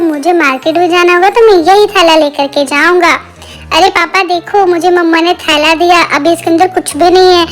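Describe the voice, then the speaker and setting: Woman voicing a pleading little toddler boy. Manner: childlike pleading, high singsong voice. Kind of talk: voice-over for a baby.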